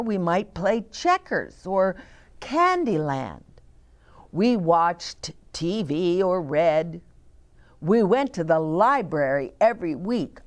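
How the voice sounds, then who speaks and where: An older woman with a lowish voice reads aloud to children, slipping in chatty asides and gently explaining things to her young audience.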